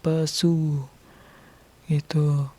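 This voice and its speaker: A man from Bali with a Balinese accent, chatting casually to his viewers, laughing often and sometimes dropping into a soft whisper. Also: a little high, level tone, very slow. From Bali, Indonesia. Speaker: vlogger.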